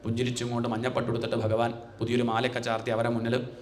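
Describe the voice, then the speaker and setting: A middle-aged spiritual teacher delivers a devotional scripture discourse in a conversational way, posing rhetorical questions to his listeners and chanting verses in a slow sing-song. His medium-pitched voice is monotone, with a little hiss or hum.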